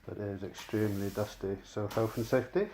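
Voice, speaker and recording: Muffled, low, even-toned man in a mask. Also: brisk. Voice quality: muffled through a dust mask. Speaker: rug cleaner presenting his own work. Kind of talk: casual explainer vlog. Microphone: speaking through a dust mask. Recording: clear background noise.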